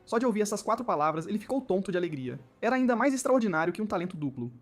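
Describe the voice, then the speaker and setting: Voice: medium pitch, very fast. A narrator telling a story recap in a scripted storytelling delivery, addressing the listener as "you". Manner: lively storytelling delivery in second person. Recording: faint music underneath.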